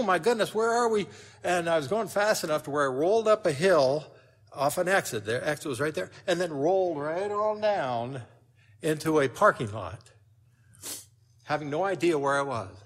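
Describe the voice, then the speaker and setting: An older man preaching a sermon, telling a personal story with lively swings in loudness. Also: a little high.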